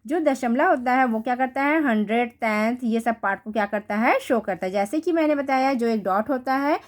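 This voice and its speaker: A woman math teacher, explaining a lesson and answering her own questions. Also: fairly high pitch. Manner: reads English definitions slowly, then explains with repeated rhetorical questions.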